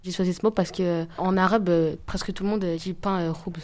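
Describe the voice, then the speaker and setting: A woman's voice: fairly low pitch, fairly even intonation, a little fast, a little mellow. A woman speaking hesitantly about the languages at home, with many fillers. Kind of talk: personal testimony.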